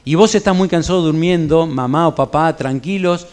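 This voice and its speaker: Man, Rioplatense accent, middle-aged pastor, high-pitched, chatty sermon style, church Bible study. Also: moderate pace, darkish tone, clean tone. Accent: Rioplatense Spanish. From Argentina. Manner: conversational preaching with anecdotes and colloquial asides.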